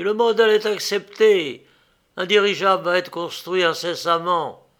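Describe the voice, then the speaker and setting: A man's voice: fairly high pitch, bright, forceful tone, voice pushed up. A man reading an audiobook aloud, voicing an ardent young male inventor who speaks eagerly and with emphasis.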